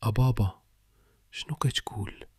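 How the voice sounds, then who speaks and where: A man's voice: mid-range voice, normal speed, darkish tone, slightly rough. A man voicing a frightened, bewildered young girl in a story, with an anxious, questioning tone.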